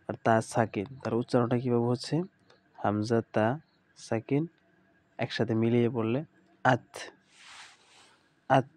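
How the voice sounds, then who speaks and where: Guy giving an online quran reading class, mellow darker voice, slow patient sounding out of each syllable. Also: mid-range voice, dry recording. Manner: uses pious phrases, addresses students as a group.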